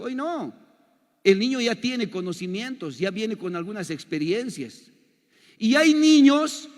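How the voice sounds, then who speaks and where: An older man teaching a church seminar as a pastor, telling animated stories and asking his audience rhetorical questions. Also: sits high, long reverb tail. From Bolivia. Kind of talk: seminar lecture to a congregation.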